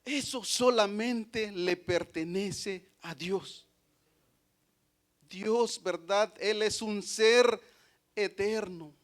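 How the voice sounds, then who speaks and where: A man preaching a Pentecostal sermon in church, swinging between loud swells and soft drops and tagging his lines with questions and amens. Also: sits high, drawn-out words. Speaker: pastor.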